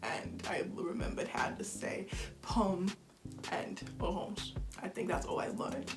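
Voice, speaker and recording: A young woman from Zimbabwe, giving a relaxed, chatty bedtime talk as a vlogger, soft-spoken and giggly, at times sinking to a whisper. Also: medium pitch. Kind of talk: relaxed bedtime chat to camera.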